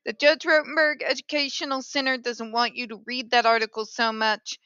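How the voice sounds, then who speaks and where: A woman's voice: fairly high pitch, flat delivery, a little fast, sharp tone, clean tone, dry recording, muffled recording. A woman hosting an opinionated commentary show in a polished call-center phone voice, speaking in a blunt, sarcastic, emphatic way. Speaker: host of an advocacy commentary show.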